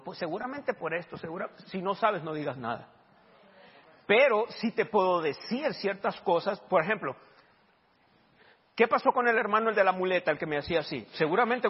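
Pastor preaching in an echoing hall. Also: male voice, high-pitched, slightly rough. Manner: animated, acts out dialogue loudly. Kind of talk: sermon with storytelling. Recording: dull reverberant hall recording.

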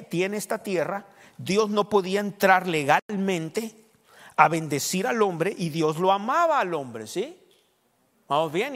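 Male pastor, fairly high voice, emphatic animated preaching, long hall reverb. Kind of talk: sermon.

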